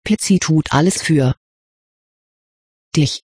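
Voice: mid-range voice, takes it slowly, warm tone, breathy edge. A reader voicing a devoted little female house-elf who speaks of herself in the third person, in an audiobook. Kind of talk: audiobook character reading.

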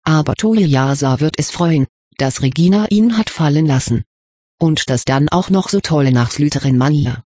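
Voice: mid-range voice, normal speed, no echo, clean studio sound, lightly acted. Reader voicing a caring, firm schoolgirl. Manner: gentle but decisive.

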